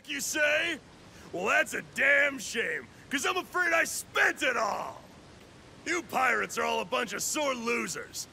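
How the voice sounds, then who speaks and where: An actor playing a brash, boastful male cyborg scoundrel in an anime dub, loud and cocky. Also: very high-pitched, sing-song, measured pace, creaky, a little hiss or hum, exaggerated voice. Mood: cocky, shouting.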